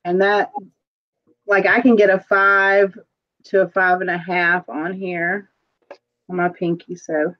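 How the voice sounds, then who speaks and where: A woman's voice: on the low side, little pitch movement. Chatty woman on a muffled stream. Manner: chatty, rambling, quick to laugh. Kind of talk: casual live-stream chat.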